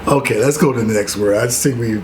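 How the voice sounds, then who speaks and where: A man's voice: mid-range voice, fast. A man from the United States with an American accent, chatting casually and teasing as he debates. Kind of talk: casual bantering chat with partner. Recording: clearly noisy room background.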